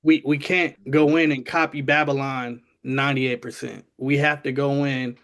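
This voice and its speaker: A man's voice: medium pitch, level tone, moderate pace, fairly bright tone. A man in the audience sharing an earnest comment, hesitant with frequent ums and restarts. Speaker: audience member asking a question.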